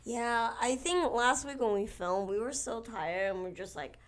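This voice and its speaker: A young woman co-hosting a podcast, talking casually with a hoarse voice and laughing often. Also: a little high, normal speed. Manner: laughs often, chatty and upbeat. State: hoarse, voice mostly gone. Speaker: podcast co-host. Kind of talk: casual chat.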